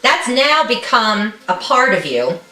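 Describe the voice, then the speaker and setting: A woman's voice: a little high, sing-song, measured pace, bright, forceful tone, reverberant, far from the mic. A woman co-hosting a show, chatting casually and encouragingly as she demonstrates a recipe in a home kitchen, often checking in with "okay?". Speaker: co-host.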